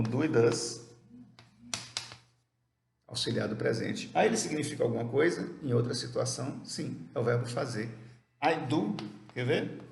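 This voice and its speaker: A man teaching an English grammar lesson who explains step by step, asks questions and answers them himself, and reads the English examples slowly and carefully. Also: mid-range voice, gravelly, a little mellow. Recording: echoey room with faint background noise.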